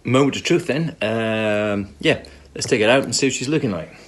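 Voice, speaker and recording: A British man presents a recipe video from his home kitchen, filmed on a phone, chatting casually while he cooks in a chirpy, enthusiastic way full of tag questions and little asides. His mid-range voice moves at a moderate pace, with clear background noise and kitchen clatter.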